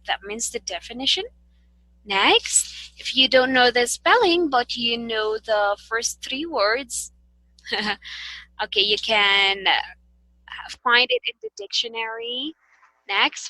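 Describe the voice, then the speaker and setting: A female teacher with a Filipino English accent leads a classroom demonstration lesson, patiently checking in with students through guiding questions and frequent "okay" and "right." Her high voice is bright and crisp, recorded close and dry with no echo.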